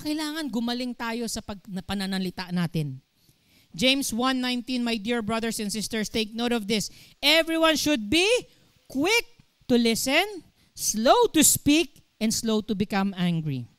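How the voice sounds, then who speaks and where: A woman's voice: fairly high pitch, clear, resonant tone, dry recording. A woman pastor from the Philippines, preaching a sermon animatedly and often asking the congregation questions. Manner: animated, asks the congregation questions, acts out quotes. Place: church.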